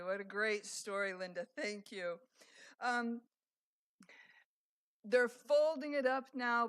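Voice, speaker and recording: A woman emcee on a festival stage, thanking the teller and staff in a relaxed, chatty way. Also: a little high.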